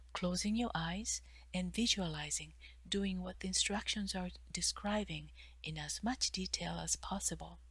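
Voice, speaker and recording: A meditation guide and therapist, a woman, walks through a mindful stretching practice with soft, breathy, gentle and measured guidance. Pauses punctuate her speech, and her phrases often sink toward a whisper. The voice is lowish, recorded dry.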